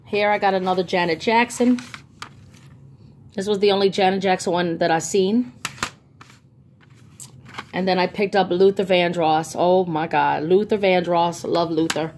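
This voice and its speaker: A woman's voice: on the low side, steady tone, a little slow, pauses often, darkish tone, a little hiss or hum. A woman casually showing off her bargain finds on camera, chatty and gushing, with lots of ums, recorded on a handheld phone. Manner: chatty, enthusiastic, many ums. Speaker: vlogger. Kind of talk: casual haul video. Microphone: phone held by the speaker, off camera.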